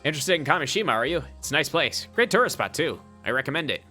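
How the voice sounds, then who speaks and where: A man's voice: fairly high pitch, big pitch swings, quick pace, sharp tone, faint music behind. A man doing a nerdy, chatty detective. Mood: friendly. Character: somewhat nerdy male police detective. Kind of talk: game voice-over by a streamer.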